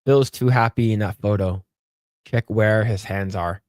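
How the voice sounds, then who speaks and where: A man's voice: on the low side, measured pace, no room sound, studio quality. A man hosting a casual solo livestream, swearing freely as he riffs on movies and answers his chat. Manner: animated, profane, riffing on movies and answering chat. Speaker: livestream host.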